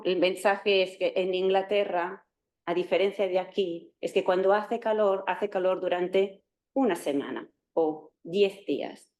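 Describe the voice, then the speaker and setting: A woman in her forties from Catalonia, Spain, a native Catalan speaker, gives an academic talk to students as a university lecturer. Her voice is on the low side and darkish, and she introduces herself and explains things with some fillers and restarts.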